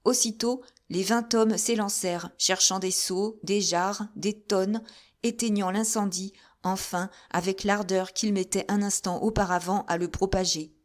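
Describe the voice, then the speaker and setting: A woman narrates a classic novel as an audiobook reader. Her telling is steady and measured between the characters' lines. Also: mid-range voice.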